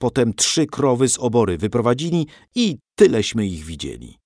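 A man narrating a historical storybook in a lively, animated way. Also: mid-range voice, normal speed, dry recording, studio quality. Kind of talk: storybook reading.

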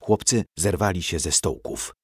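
A man narrating a storybook in a measured, expressive reading. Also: low-pitched, husky, dry recording, studio quality.

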